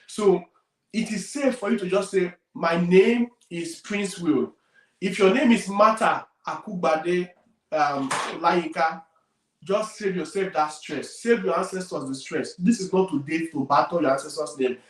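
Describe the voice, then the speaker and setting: A Nigerian-accented man coaching listeners on careers, his voice pitched a little high for a man. He talks emphatically, hammering points home with swings in volume. He is recorded from a distance, in an echoey room. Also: moderate pace. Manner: emphatic, repeats key points, loudness swings widely. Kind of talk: career advice talk.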